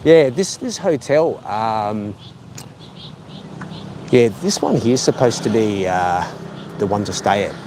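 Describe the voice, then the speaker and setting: A middle-aged man live-streams while walking outdoors beside a lake, rambling casually in a self-deprecating way packed with fillers. His lowish voice is animated but slow, with frequent pauses, and the background is noisy.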